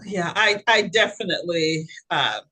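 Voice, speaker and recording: A woman who co-hosts a podcast and works as a life coach chats casually, talking expressively and laughing as she goes. Her lowish voice is unhurried, and the audio is poor.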